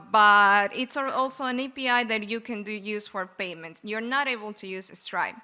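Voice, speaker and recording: A woman from Argentina giving a relaxed, chatty live tech talk on a conference stage. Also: on the high side. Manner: relaxed, chatty, laughs easily. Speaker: conference speaker.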